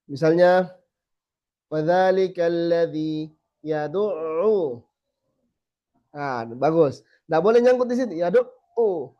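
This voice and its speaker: A man teaching a small group how to recite, saying letter sounds slowly again and again and then correcting them. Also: high voice, darkish tone. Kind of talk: tajweed lesson to a small group. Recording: slightly dull lo-fi recording.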